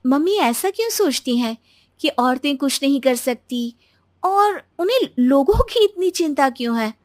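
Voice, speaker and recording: A woman playing a confident, reasonable young daughter-in-law in a cartoon story, arguing gently and earnestly. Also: high voice, expressive, normal speed, dry recording, clean studio sound. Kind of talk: Hindi cartoon story dubbing.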